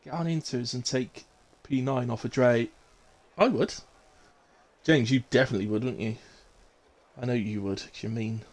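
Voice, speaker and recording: A man's voice: mid-range voice, normal speed, darkish tone. A man giving chatty, teasing live commentary on an online race. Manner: teasing, chatty, laughs often. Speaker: sim racing commentator.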